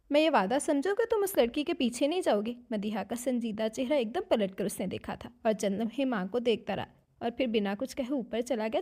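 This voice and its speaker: A woman narrating a dramatic romance novel in a steady storytelling voice. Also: a little high.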